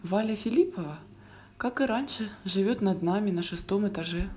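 A woman reading the lines of a quiet, grieving older grandmother in a storybook, with calm, gentle replies. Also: mid-range voice, moderate pace, lightly acted.

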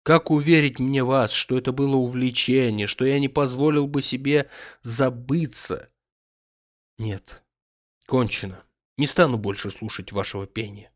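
A timid, remorseful gentleman, as a male audiobook narrator plays him, pleading earnestly and hesitantly in a mid-range voice. It is a storybook reading, slightly muffled and lo-fi. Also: mid-range voice, unhurried, lightly acted.

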